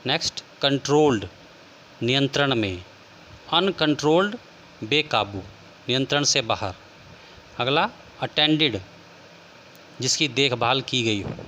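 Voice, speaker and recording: A man's voice: medium pitch, lively intonation, a little slow, long pauses, sharp tone, slight background noise. A man teaching an English lesson, explaining word meanings and spelling words out letter by letter.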